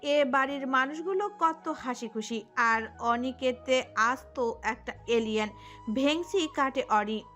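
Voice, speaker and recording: A woman narrating a romantic audio story in an expressive storytelling manner. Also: high-pitched, slow pace, faint music behind.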